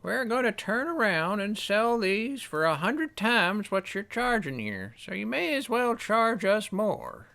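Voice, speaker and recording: A man voicing an elderly female executive with a drawn-out, cheeky old hag manner while acting out a text game. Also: high-pitched, very animated, creaky, sharp tone, voice pushed up, heavily acted. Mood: blunt, knowing. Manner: drawn-out, put-on old lady voice.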